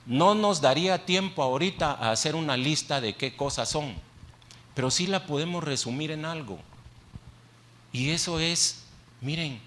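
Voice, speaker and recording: A man's voice: on the high side, animated, normal speed, a bit bright. A male pastor preaching a sermon in a church, talking conversationally, putting questions to the congregation and repeating phrases for emphasis. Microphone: handheld microphone.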